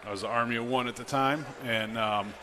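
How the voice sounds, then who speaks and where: A wry, self-deprecating man from South Boston, Massachusetts, chats as an interview guest; he is a timber frame carpenter and salesman. His mid-range voice is a little fast with fairly even intonation, recorded on a broadcast microphone against a noisy live event background.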